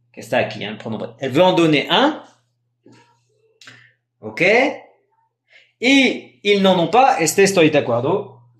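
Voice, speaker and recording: A man's voice: a little high, roomy sound. A man teaching French in a live online grammar lesson, patiently repeating examples and checking in with his students. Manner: drawn-out French example phrases.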